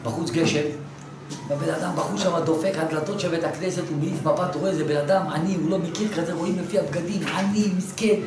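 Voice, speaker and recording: Animated male religious teacher telling stories in class; distant mic, noisy background. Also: on the high side, heavy reverb. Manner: animated storyteller, swings from hushed to loud. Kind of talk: storytelling lesson to a class.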